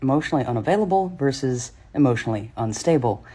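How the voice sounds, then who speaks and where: A man's voice: mid-range voice, animated, fast talker, raised voice, very noisy. Dry sarcastic male commentator. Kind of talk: commentary voiceover.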